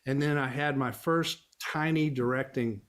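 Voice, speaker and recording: Middle-aged man from Texas, easygoing interview guest, mid-pitched voice. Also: measured pace, fairly bright tone. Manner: easygoing storyteller, chuckles while talking. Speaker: guest, family law attorney and actor. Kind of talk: casual interview conversation.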